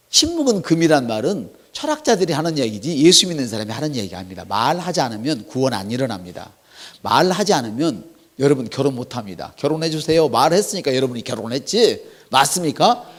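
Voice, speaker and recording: A man preaching a sermon to his congregation, acting out quoted lines. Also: medium pitch. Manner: animated preaching with acted quotes. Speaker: pastor.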